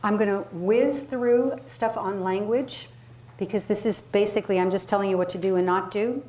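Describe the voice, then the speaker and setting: This woman speaks at a normal speed with a steady, mellow, mid-range voice while coaching public speaking in an interactive workshop. She is emphatic and conversational, asking the audience questions, captured live in a room with clear background noise.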